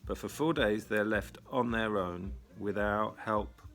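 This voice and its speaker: A man's voice: lowish voice, unhurried, fairly bright tone, soft background music. A man, a retreat leader telling a story in a casual monologue, blunt, wry and full of swearing.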